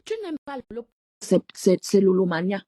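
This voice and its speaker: A woman's voice: medium pitch, very animated, moderate pace, dark tone. A woman hosting a live stream, talking in a blunt, defiant way.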